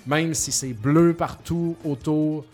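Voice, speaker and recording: With soft music playing, a Québécois French-accented podcast host in his forties reads listener questions and chats in a talkative, slangy, informal way. His voice is fairly high in pitch yet darkish in tone, and he speaks slowly.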